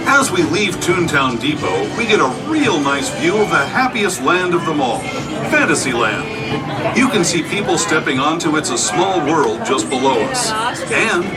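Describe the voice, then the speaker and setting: A man's voice: on the high side, very animated, a little slow, a loud crowd. A man playing a friendly railroad tour guide, narrating a scripted theme-park ride in a folksy storytelling way. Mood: friendly guiding. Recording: distant train speaker under loud music.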